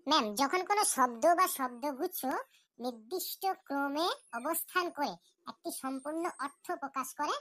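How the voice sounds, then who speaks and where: A woman's voice: high voice, normal speed, fairly bright tone. A woman voicing an eager young schoolgirl in a cartoon class, dutifully reciting her answers to the teacher.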